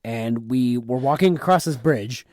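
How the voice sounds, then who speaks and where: A man co-hosting a podcast, chatting casually and excitedly about a theme park trip, often repeating words. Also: medium pitch, measured pace, dry recording, studio quality. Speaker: podcast co-host. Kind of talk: casual trip recap chat.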